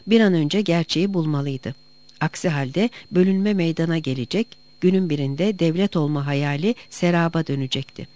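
Measured audiobook narrator. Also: mid-range voice, darkish tone. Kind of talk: scripted narration of a historical novel.

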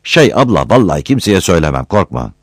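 A man voicing a hungry, simple-minded village man who talks loudly, pleading and coarse. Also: sits low, big pitch swings, quick pace, dry recording, clean studio sound, exaggerated voice. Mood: wheedling. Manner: loud, shouting and wheedling.

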